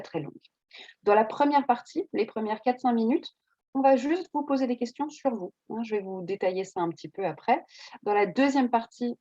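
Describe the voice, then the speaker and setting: A woman's voice: medium pitch, warm tone, no echo, lo-fi sound. A woman English teacher explaining exam preparation in a reassuring, conversational way, with frequent fillers.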